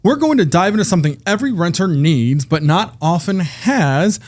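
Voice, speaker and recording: This podcast host's voice sits high yet has a darkish tone, expressive and at a normal pace. Interviewing a guest in the studio, he keeps things friendly and conversational, using the occasional filler.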